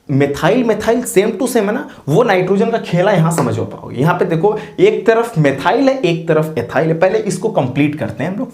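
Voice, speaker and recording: A man's voice: on the high side, darkish tone. A man teaching chemistry in a chatty, playful way, asking his students questions and answering for them in their voice. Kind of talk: chatty classroom explanation. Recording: roomy echo.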